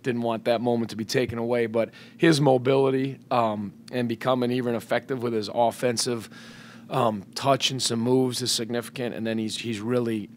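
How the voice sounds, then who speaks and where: A man's voice: medium pitch, little pitch movement, normal speed, slight background noise. A middle-aged man, a head basketball coach, answering questions at a post-game press conference, speaking thoughtfully with many fillers and restarts into a table microphone. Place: press room in front of a sponsor backdrop.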